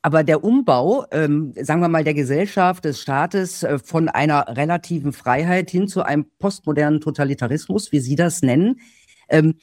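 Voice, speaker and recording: A man's voice: a little high, normal speed, a little mellow, no room sound, studio quality. A man asking interview questions in a hesitant way, with many fillers.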